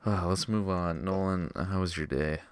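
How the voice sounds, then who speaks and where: A young man hosting a casual podcast, excitable and joking, swearing freely as he argues with a friend. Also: deep voice, normal speed, smooth, no echo. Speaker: podcast host. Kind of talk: casual argumentative chat.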